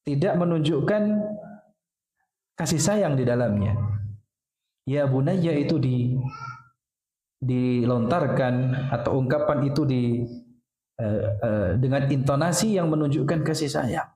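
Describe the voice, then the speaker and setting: At a mosque study session, a man with a mellow, mid-range voice preaches a little slowly and pauses often. He keeps asking questions and answering them himself, sprinkling in "ya" frequently, and the hall echoes around him.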